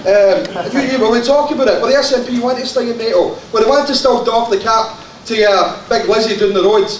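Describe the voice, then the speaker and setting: Glaswegian man, fiery conference delegate, very high voice, shouts with jokes, boomy far-off hall. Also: fast talker. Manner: impassioned, shouting, joking asides. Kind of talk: conference floor speech. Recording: echoey hall from far off, faint crowd and hiss.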